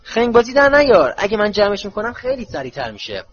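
A man's voice: fairly high pitch, sing-song, highs cut off. A man voicing a cheerful, clumsy young witch who is bubbly and boastful. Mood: excited.

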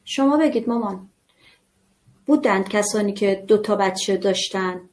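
A woman's voice: mid-range voice, a little mellow. A woman giving a live online parenting class in a conversational manner, often putting rhetorical questions to her listeners. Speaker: parenting instructor.

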